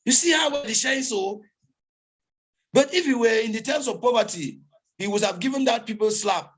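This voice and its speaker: A man's voice: extremely high pitch, normal speed, fairly bright tone, breathy edge. A man hosting an online meeting, giving a preachy motivational talk to the crowd over a video call. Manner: preachy, exhorting crowd, repetitive.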